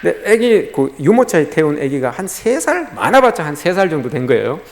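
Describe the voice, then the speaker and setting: A man's voice: fairly high pitch, big pitch swings, a little fast. A middle-aged male pastor delivering a sermon in a conversational storytelling way. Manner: storytelling, conversational, addresses listeners often. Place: church sanctuary. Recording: long reverb in a church hall.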